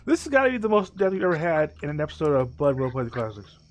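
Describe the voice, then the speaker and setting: A man playing an old computer game and chatting casually with a friend, excitable and laughing often. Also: a little high, racing. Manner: excitable, laughs often, yelps when hit. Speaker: game player, co-host. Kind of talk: casual let's-play banter.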